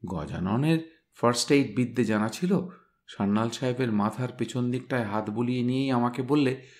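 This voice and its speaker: A man reading a story aloud, voicing a smart young woman who briskly recounts a crime scene. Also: mid-range voice, darkish tone, lightly acted. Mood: animated, brisk.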